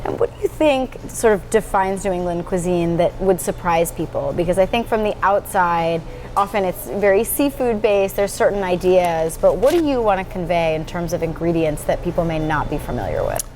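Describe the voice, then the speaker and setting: A woman's voice: on the low side, animated, normal speed, darkish tone, faint music behind. A woman hosting a food show, interviewing a chef in a friendly, enthusiastic way. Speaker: host and interviewer. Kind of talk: conversational interview.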